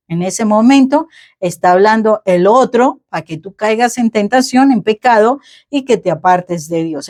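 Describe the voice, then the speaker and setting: A woman's voice: a little high, a little mellow. Woman preaching in a chatty way. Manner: conversational, asks the listener for agreement, with many rhetorical questions. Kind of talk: informal sermon.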